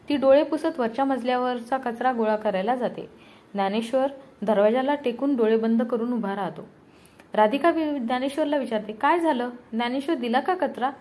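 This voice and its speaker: A woman narrating a family story in a steady, even reading. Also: a little high.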